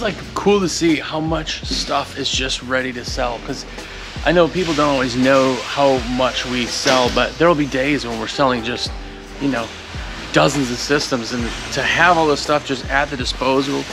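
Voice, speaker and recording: A man in his thirties talking casually and relaxed about the business while walking through a large warehouse. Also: medium pitch, moderate pace, over music. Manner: relaxed, conversational. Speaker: co-host, company employee. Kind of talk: casual chat.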